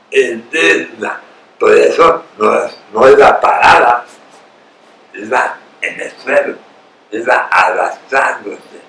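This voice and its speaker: A man preaching a sermon in a church, slow and emphatic, repeating phrases and rising suddenly in pitch and volume. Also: fairly bright tone, a little hiss or hum. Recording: roomy, distant church recording with faint ambience.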